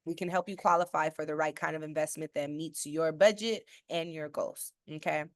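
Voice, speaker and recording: A woman's voice: low voice, steady tone, normal speed, dry recording. Woman, financial educator, sales-style webinar, emphatic, rhetorical questions, dry close sound. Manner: checks in with listeners with a frequent "okay?".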